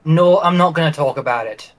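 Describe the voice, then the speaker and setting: A man's voice: on the high side, a little fast, lightly acted. A man voicing a young male Grendel, guarded and curt, in a tabletop game. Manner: curt, brushing off questions.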